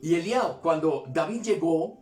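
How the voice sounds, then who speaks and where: A man's voice: on the high side, lively intonation, a little slow, a little mellow, roomy sound, faint music behind. A man preaching a devotional sermon as pastor, asking rhetorical questions and repeating his points for emphasis.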